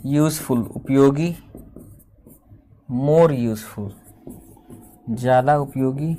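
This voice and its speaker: A man's voice: mid-range voice, warm tone, slight background noise. A man teaching a grammar lesson, explaining step by step and drawing out each example word. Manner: explains step by step, slows and drags out example words.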